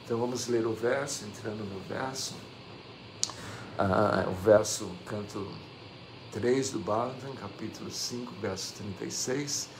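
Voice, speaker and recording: Gravelly Brazilian man teaching scripture. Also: on the low side, unhurried, noisy background. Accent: Brazilian Portuguese. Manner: repeats phrases, asks rhetorical "não é?". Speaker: religious teacher. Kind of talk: scripture reading and commentary. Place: devotional center hall.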